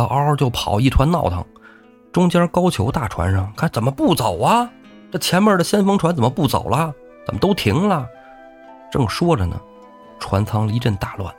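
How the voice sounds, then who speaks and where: A man telling a classic tale as the show's host, with lively, jokey asides to the listener. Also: medium pitch. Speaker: storyteller host. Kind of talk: humorous storytelling of a classic novel.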